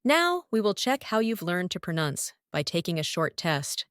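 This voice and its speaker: A woman's voice: on the low side, sing-song, moderate pace, fairly bright tone, smooth, dry recording, studio quality. A woman with a Lithuanian accent teaching English pronunciation, saying each example word several times. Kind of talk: pronunciation lesson, repeating example words.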